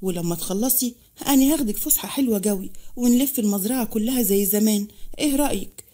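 A woman voicing a caring older father with an Egyptian accent, speaking in a gentle, coaxing way. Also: mid-range voice, fast, lightly acted. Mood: tender. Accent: Egyptian Arabic.

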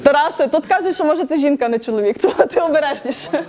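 A high-pitched woman talks quickly as she runs a lively tech meetup lecture. She quizzes the audience, praises their answers and laughs easily between points. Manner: laughs often, lively and encouraging.

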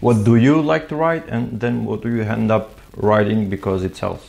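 Host, man, low gravelly voice; inquisitive, stop-start questioning. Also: fairly even intonation, normal speed, darkish tone. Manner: inquisitive, repeats words when searching. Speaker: podcast host. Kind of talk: casual interview chat.

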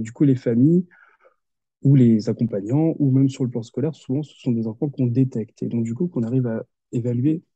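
Speaking through a headset on a video call, the man in his thirties walks through examples patiently as an occupational therapist being interviewed. His mid-range voice sounds mellow and a bit rough, with no echo, though the call audio is muffled; he sits in a home office with a window.

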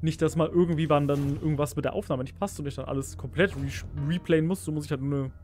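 A let's play gamer with a fairly high, slightly mellow, steady voice talks quickly and casually while playing a horror game, over soft background music. He's jumpy, easily startled, and pleads and squeals at the enemies on screen.

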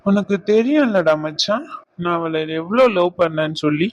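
A bitter, heartbroken young man from a cartoon comedy, voiced by a man. His voice is fairly high and sounds worn out and despairing. The sound is dry and close. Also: animated, moderate pace, dry recording, dull audio.

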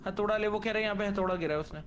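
A man playing a game with friends, talking in an excitable, hurried way as he explains the controls. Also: high-pitched, slight background noise. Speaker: gaming teammate. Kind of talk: casual gaming chat.

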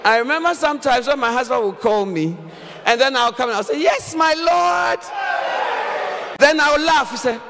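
A woman's voice: a little high, brisk, crowd noise. Emphatic woman preacher in echoing church. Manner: emphatic, animated preaching with bursts of shouting and laughter. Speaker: pastor. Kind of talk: sermon. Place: church hall. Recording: reverberant church hall, faint background noise.

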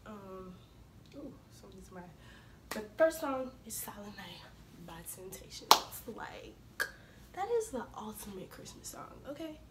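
A young woman vlogging casually to her viewers, her voice slightly hoarse from a cold, chatting informally and calling them y'all. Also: medium pitch, animated, unhurried, very noisy. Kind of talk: casual vlog chat to camera.

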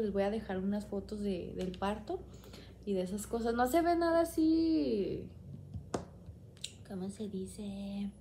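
A woman's voice: medium pitch, background noise. A young woman, chatting and rambling as she tells a personal story on her vlog. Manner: chatty, rambling, quoting herself often. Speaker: vlogger.

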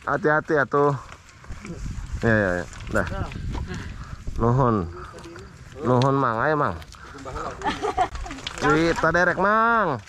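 A man's voice: medium pitch, animated, takes it slowly, long pauses, a crowd in the background. A man, vlogging casually on a muddy trail and joking with his riding friends. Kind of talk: casual vlog chat. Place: muddy dirt trail outdoors. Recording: loud outdoor and engine noise.

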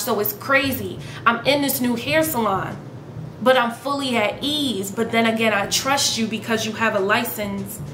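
Seated on her living room sofa and filmed head-on in head-and-shoulders framing, a hair vlogger in her thirties performs sassy, rhythmic spoken word packed with rhetorical questions. Her voice is fairly high, and the sound is roomy.

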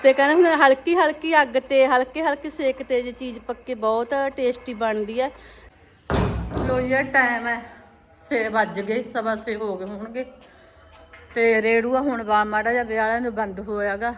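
A woman's voice: fairly high pitch, fairly even intonation, normal speed. A woman with a Punjabi accent chatting casually and homely as she narrates household chores for a family vlog. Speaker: family vlogger.

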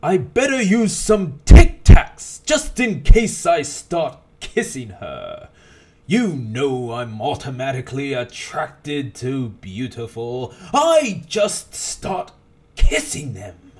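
A man giving a dramatic reading like a hammy stage actor, theatrically swinging between hushed whispers and loud cries. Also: mid-range voice, huge pitch swings, slow pace.

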